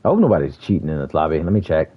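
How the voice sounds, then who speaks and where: A gaming streamer talks rapid-fire with big pitch swings, chatting casually during live gameplay, calling out enemies and dropping slang and "bro" constantly. His poor mic gives low-quality audio with the highs cut off and a little hiss or hum.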